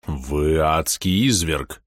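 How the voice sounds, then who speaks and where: A man's voice: extremely low pitch, slow pace, no echo, voice pushed down. Man voicing a stern clipped colonel. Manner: dry, clipped. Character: stern composed male army colonel.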